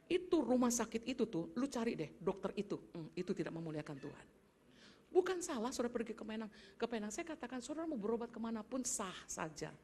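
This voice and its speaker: A woman pastor preaching in a lively, conversational way, often addressing the congregation directly. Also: a little high, fast, slightly rough. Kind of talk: sermon.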